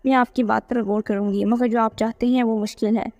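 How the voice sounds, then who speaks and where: A woman's voice: a little high, fairly even intonation, fairly quick, darkish tone, no echo, dull audio, close to an everyday voice. A woman voicing a hesitant, calculating young woman in a read-aloud novel.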